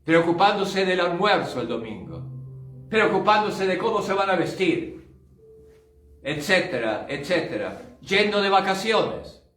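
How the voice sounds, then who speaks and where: A man's voice: high voice, big pitch swings, measured pace, a bit bright. An older male pastor giving a fervent sermon testimony, dropping in short English asides. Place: church. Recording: roomy church sound, distant mic, faint music.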